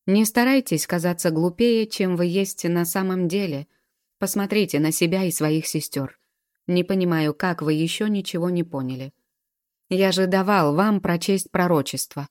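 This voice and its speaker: A woman voicing a haughty golden male dragon who speaks with condescending, drawn-out words, in a low, mellow voice. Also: no echo, studio quality, close to an everyday voice. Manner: condescending, drawling.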